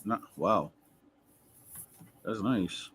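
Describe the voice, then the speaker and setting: A man's voice: lowish voice, very slow, fairly bright tone, husky, no room sound. A man acting as co-host in a casual chat, mostly chiming in with short, laid-back affirmations.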